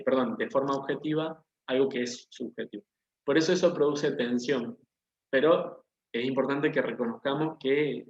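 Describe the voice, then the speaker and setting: A man teaches a class at an even pitch, walking his students through each example with patient questions. His voice sounds muffled and carries a roomy echo, with faint typing behind it. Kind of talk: online class lesson. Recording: dull, echoey room audio.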